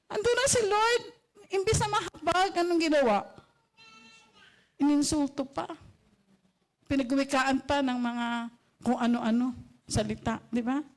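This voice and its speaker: A woman's voice: high-pitched, a little slow, pauses often. A woman preacher delivering a sermon to her congregation, emphatic and full of rhetorical questions.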